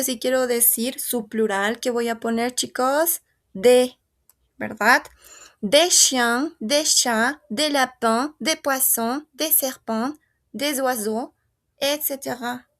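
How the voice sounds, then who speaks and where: A woman's voice: high-pitched, vocal fry, fairly bright tone. A woman teaching a French lesson, patiently repeating and modelling each word. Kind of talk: language lesson.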